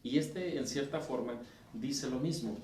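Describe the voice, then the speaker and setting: A man with a Mexican Spanish accent, a deacon teaching a Bible lesson, reading scripture aloud and explaining it with pauses and self-corrections. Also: medium pitch, darkish tone. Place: church room. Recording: roomy, distant mic with faint noise.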